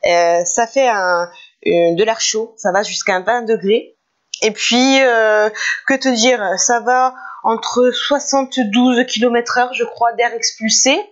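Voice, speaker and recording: A woman's voice: a little high, fairly even intonation, slow. A woman talking casually to camera in a car detailing vlog, hesitant, with many fillers and restarts, often laughing. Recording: dull lo-fi recording.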